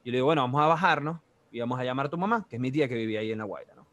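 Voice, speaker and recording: Here the twenty-something Venezuelan speaker, voice mid-range and delivery very fast, chats casually while telling a lively story loaded with slang and sound effects.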